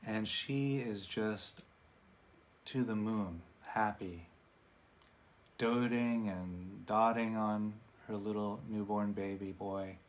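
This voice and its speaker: A man giving a dharma talk, retelling a parable in a conversational way with relaxed asides to his listeners. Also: lowish voice, slow pace.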